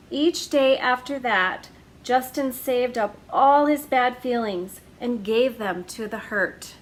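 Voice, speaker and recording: Reading a picture book to children during story hour, a woman with a fairly high voice speaks gently and expressively, stretching words for emphasis. Slight background noise can be heard.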